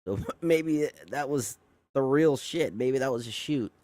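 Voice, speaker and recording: A young man hosting a casual live stream, reading a news story aloud and breaking off to react. He swears freely, stumbles and fixes his words as he goes, and sounds amazed. His voice sits at an average pitch and is recorded dry and close. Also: a little slow, darkish tone, no echo. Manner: swearing, easily amazed, with frequent fillers and self-corrections. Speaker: show host.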